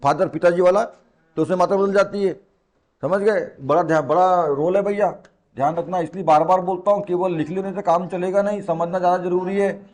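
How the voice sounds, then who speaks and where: High-voiced coaching teacher. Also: male voice, steady tone, a little fast, darkish tone. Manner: colloquial and teasing, repeats key words, asks students rhetorical questions. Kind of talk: classroom lecture.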